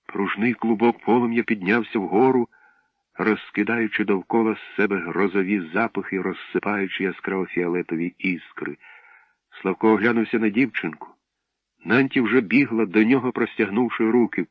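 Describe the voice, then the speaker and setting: A man with a low voice narrates a story in a measured, expressive way. The recording is dull and lo-fi, close and dry, with no room sound. He reads steadily and clearly. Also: dry recording. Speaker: audiobook narrator.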